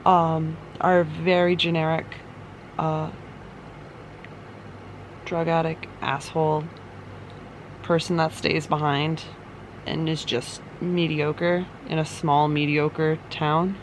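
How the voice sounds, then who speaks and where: A woman's voice: deep voice, level tone, takes it slowly, long pauses, low-quality recording. A woman chatting casually and ramblingly in a reading vlog, sounding unimpressed as a book reviewer. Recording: fan noise behind the voice. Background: running fan.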